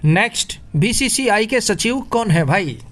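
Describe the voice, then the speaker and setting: A man's voice: high-pitched, lively intonation, unhurried, a bit bright. A man teaching a current affairs quiz lesson, joking through memory tricks and calling his listeners brother. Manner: playful, jokey mnemonics, addresses listeners as brother. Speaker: exam coaching teacher.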